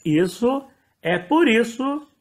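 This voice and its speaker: Lively, rambling Brazilian pastor man. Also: takes it slowly. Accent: Brazilian Portuguese. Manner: rambling, self-correcting storytelling with lively pitch swings. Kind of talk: testimony sermon.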